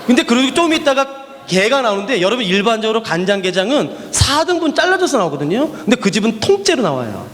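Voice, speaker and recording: This missionary preacher talks fast in a very high voice, his sermon ringing through a large church hall. Animated stories, repeated refrains, and rhetorical questions to the congregation drive his delivery.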